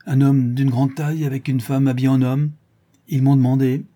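A man voicing a rough, loyal Parisian ex-brawler who rambles in street slang. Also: medium pitch, flat delivery, normal speed, dark tone, lightly acted. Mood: confiding.

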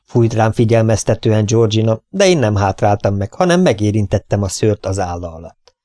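A man reads a first-person story aloud in a calm, steady way. His voice sits fairly low and sounds dry and close to the mic, with no room sound. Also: no room sound. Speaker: audiobook reader. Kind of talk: first-person audiobook narration.

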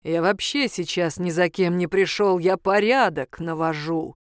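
A woman voicing a gruff, mocking male reaper who speaks curtly and drily. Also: fairly low pitch, measured pace, dry recording, close to an everyday voice. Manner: dry, sarcastic, curt. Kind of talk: audiobook character voice.

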